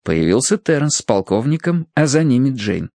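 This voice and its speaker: A man reading a novel aloud as audiobook narrator, with expressive storytelling. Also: mid-range voice, moderate pace, gravelly, dry recording. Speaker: audiobook reader. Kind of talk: scripted narration.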